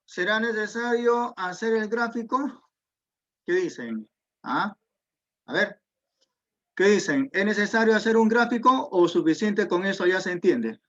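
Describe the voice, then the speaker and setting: Male math teacher, high voice, slow unhurried delivery, quizzes the class as he explains, muffled lo-fi call audio. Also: lively intonation, fairly bright tone. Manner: patient, explains step by step, asks students questions. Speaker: secondary school math teacher. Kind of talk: online geometry class. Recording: dull lo-fi audio.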